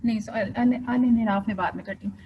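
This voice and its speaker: A woman teacher with a slightly high voice gives an online lesson, patiently stretching out example words. The recording is dull and lo-fi, with a faint hiss underneath. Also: fairly even intonation. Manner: mixes English terms into explanations. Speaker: Quran recitation teacher. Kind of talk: online class lecture.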